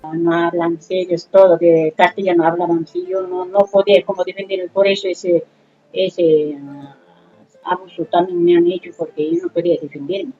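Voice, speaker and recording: A woman with a husky, dark, lowish voice speaks in broken, hesitant phrases. The recording sounds dull and lo-fi, with faint music underneath. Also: moderate pace. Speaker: interviewee. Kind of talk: personal testimony interview.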